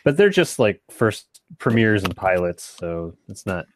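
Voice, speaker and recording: A man's voice: lowish voice, very animated, measured pace, noisy background. A man co-hosting a podcast in casual chat, making wry, offhand remarks. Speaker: podcast co-host.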